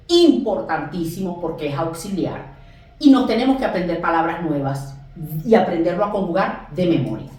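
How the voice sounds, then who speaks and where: A woman teaching a class, explaining grammar at a board and slowly drawing out example phrases for emphasis. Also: medium pitch, darkish tone, distant mic. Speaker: English teacher. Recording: very echoey room, voice off-mic.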